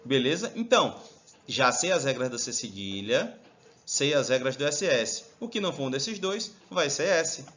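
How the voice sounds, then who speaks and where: A man's voice: mid-range voice, big pitch swings, moderate pace, fairly bright tone. A man teaching a lesson, chatty and addressing his students directly with frequent check-ins. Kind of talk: lively classroom video lesson. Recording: dull lo-fi recording.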